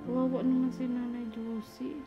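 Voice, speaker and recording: A woman vlogger in casual chat, coaxing and repeating her questions loudly to an elderly woman. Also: a little high, little pitch movement, normal speed, highs cut off, over music.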